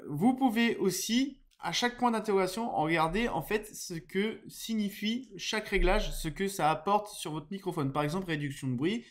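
A man giving a casual, explanatory microphone tutorial, hesitant and full of fillers, recorded on a USB desk microphone at home. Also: on the high side. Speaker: tech YouTuber reviewing a microphone. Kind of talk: casual screen-share tutorial. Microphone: USB desk microphone under test.

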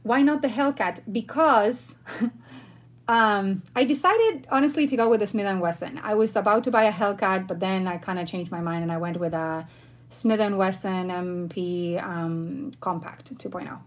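Speaking at a moderate pace in a mid-range voice, this woman streams casually from her bedroom. She's in her thirties, from Argentina, and keeps things friendly and informal as she responds to what her viewers ask.

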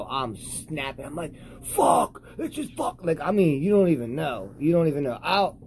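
A high young man rambling profanely and losing his train of thought in a casual vlog. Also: dark tone, poor audio. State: high on cannabis. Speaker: cannabis vlogger. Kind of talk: casual stoned rambling to camera.

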